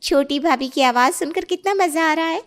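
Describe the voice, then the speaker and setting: A young sister-in-law, voiced by a woman in a fairly high voice. She talks gleefully in a home-made storybook. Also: brisk, fairly bright tone.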